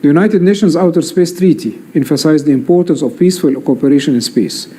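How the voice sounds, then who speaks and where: A man delivering a scripted, formal podium speech with deliberate, rhetorical phrasing. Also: on the high side, warm tone, breathy edge. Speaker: space agency representative.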